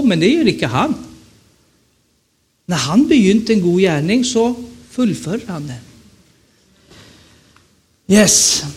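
This high, darkish voice belongs to a fifty-something evangelist from Sweden with a Stockholm accent. At a revival meeting he preaches in a chatty, humorous way, frequently quizzing the crowd.

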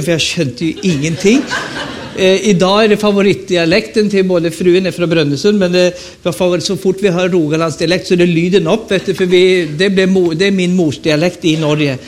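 A man in his fifties with a Stockholm Swedish accent, an evangelist preaching a chatty, joking sermon at a revival meeting and often asking the audience questions. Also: sits high. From Sweden. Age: 50s.

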